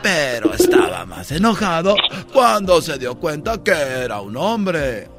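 A man's voice: fairly high pitch, big pitch swings, measured pace, fairly bright tone, faint music behind. A man narrating a comic skit with dramatic "ay, ay, ay" cries.

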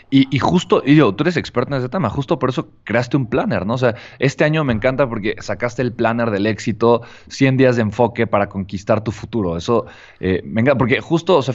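A man's voice: medium pitch, animated, a little fast. Earnest man, muffled audio. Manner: earnest, many fillers and "¿no?" tags. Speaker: podcast host interviewing a guest. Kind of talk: conversational podcast interview.

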